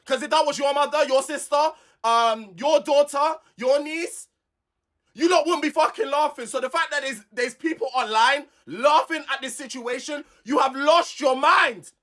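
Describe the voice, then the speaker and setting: A woman's voice: high voice, normal speed. A woman delivering an angry, heated commentary, swearing and repeating herself as she rants.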